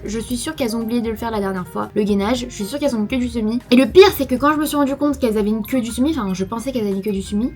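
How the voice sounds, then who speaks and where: A woman in her twenties from France with a French accent and a slight lisp, chatting casually and emphatically in a self-deprecating, talkative vlog style. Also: fairly high pitch. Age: 20s. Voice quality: slight lisp from dental aligners. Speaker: lifestyle vlogger.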